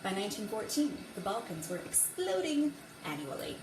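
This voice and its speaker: A woman hosting a dramatic reading series reads aloud from a history book in a theatrical, deliberate, sing-song way, with a mid-range voice and casual asides. She's recorded on a distant mic in an echoey room next to a running faucet, so tap water can be heard throughout.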